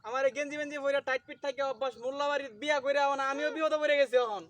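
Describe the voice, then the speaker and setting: A man's voice: very high-pitched, fairly even intonation, racing, fairly bright tone. A man in a comedy sketch playing a newly married husband, talking in an exasperated, scolding way in a rural Bangladeshi Bengali dialect.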